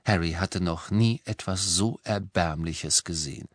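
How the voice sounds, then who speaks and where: Low-voiced male audiobook narrator. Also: unhurried, dry recording, clean studio sound. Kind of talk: scripted narration.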